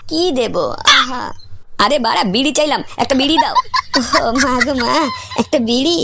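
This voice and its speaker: A woman's voice: high voice, moderate pace, gravelly. A woman voicing brash, crude comedy cartoon characters. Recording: loud background noise.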